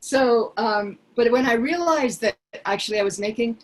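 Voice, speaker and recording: An older woman from Peru, a singer, talking earnestly and reflectively from her living room on a video call, pausing often. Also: a little high, rough recording. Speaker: singer sharing a song. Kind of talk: casual video call chat. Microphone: headset mic on video call.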